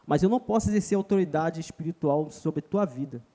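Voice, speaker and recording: A man's voice: on the high side, fast talker, warm tone. A man with a Brazilian Portuguese accent preaching a sermon at a church retreat, emphatic, repeatedly calling his listeners brother.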